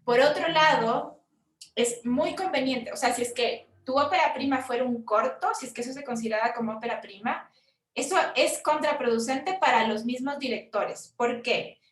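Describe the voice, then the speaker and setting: A Chilean woman, a film producer, explaining funding forms in a frank, conversational workshop talk with quick asides. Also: sits high, reverberant, distant mic. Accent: Chilean Spanish.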